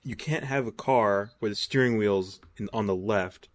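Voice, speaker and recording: Low-ish guy on a podcast, confused and worked up, keeps saying dude. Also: moderate pace. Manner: confused, excitable, swearing, calls people dude. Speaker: podcast co-host. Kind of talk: casual chat.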